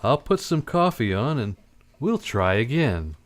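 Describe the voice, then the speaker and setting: A man's voice: mid-range voice, big pitch swings, measured pace. Man as Sam Spade, swooping wisecracking detective. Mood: sardonic. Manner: sardonic, clipped, casual. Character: wisecracking, tough, cynical male private detective. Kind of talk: old-time radio play acting.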